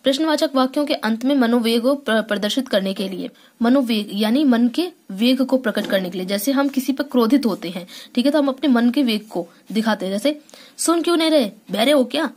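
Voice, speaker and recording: A woman with a voice pitched a little high teaches a school grammar lesson. She explains each point patiently, stops often with small hesitations, and keeps asking the class whether they follow. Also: fairly quick, darkish tone. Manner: explains step by step with frequent hesitations and check-ins.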